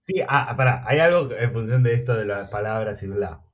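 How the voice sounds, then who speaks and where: A man's voice: medium pitch, animated, normal speed, lo-fi sound. A man arguing his point in a casual film podcast, pressing with repeated rhetorical questions.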